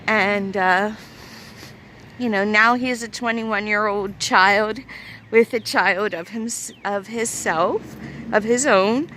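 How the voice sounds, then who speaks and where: A woman in her thirties with a youthful-sounding, slightly bright voice of medium pitch vlogs casually to camera. She talks slowly and rambles hesitantly with lots of fillers, and there's a faint hiss or hum in the audio.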